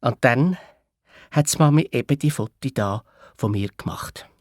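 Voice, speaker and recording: A man's voice: medium pitch, lively intonation, moderate pace, dry recording. A man with a Swiss German accent narrating a children's audio story in a playful, childlike first person. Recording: dry studio read with soft music.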